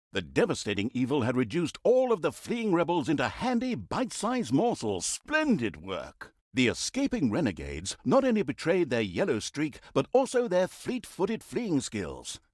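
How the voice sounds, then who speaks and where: Playing a sarcastic, self-important fantasy-game narrator who ridicules villains and heroes, a man gives grandiose, theatrical comic storybook narration. He speaks at a normal speed with few pauses, his slightly mellow, medium-pitched voice making huge pitch swings. The recording is dry and studio clean.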